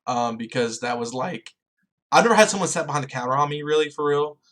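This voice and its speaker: A young man co-hosting a podcast rambles through casual chat, leaning heavily on "like." His voice is fairly high-pitched, a bit bright, and fast.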